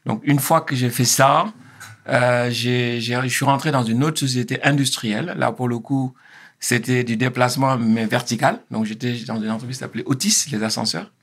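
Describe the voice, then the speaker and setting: A man, speaking as an interview guest in a measured, hesitant way with many pauses and restarts. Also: mid-range voice, steady tone, fairly bright tone, breathy edge. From Senegal. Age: 50s. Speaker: interview guest, engineer and consultant. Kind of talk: casual interview.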